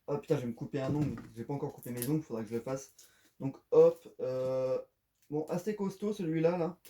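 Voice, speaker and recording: A man's voice: medium pitch, a little fast, noisy background. A man giving casual, rambling unboxing commentary at home, full of fillers. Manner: rambling, filler-heavy, chatty. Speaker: unboxing vlogger.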